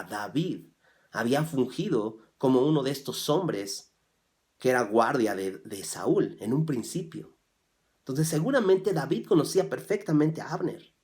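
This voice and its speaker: A man preaching a sermon as pastor. He drops to soft, low asides, then rises loudly when he reads scripture, and he asks his listeners rhetorical questions. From Mexico. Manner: swings from soft, low asides to loud, raised scripture reading.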